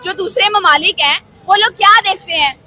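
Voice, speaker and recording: A woman's voice: very high-pitched, brisk, pushed and bright, soft background music. A young woman with a Pakistani accent, a student answering a street interview in an assertive, insistent, lecturing manner.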